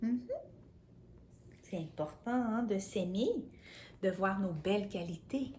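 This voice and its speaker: Slow, gentle storytelling woman. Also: medium pitch, slight background noise. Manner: gentle, coaxing, talks directly to the child. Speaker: children's storyteller. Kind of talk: reading a picture book aloud to children.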